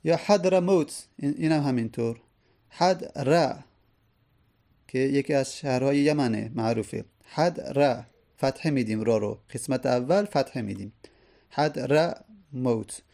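A man teaching a grammar lesson, explaining patiently and repeating each example slowly. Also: mid-range voice, gravelly, dark tone.

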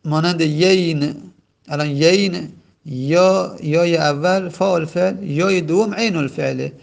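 A gravelly-voiced man gives a patient grammar lecture. His pitch sits a little high. He repeats each form slowly and fills pauses with hesitant sounds. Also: a little mellow. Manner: patient, repeats forms slowly and spells them out; hesitant fillers between points. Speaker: teacher. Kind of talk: lecture on Arabic verb morphology.

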